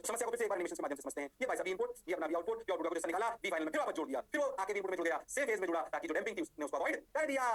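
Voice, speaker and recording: High-voiced and energetic, this teacher runs an exam-prep session, weaving in English technical phrases. He checks comprehension again and again and jokingly mimics how keenly the students respond.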